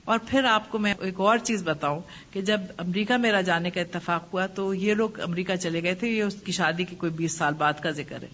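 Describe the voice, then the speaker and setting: A woman's voice: lowish voice, hardly any pauses. Woman giving a religious lecture. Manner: anecdotal, gently advising. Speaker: Islamic religious teacher. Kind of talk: religious lecture answering questions. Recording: muffled lo-fi with faint hiss.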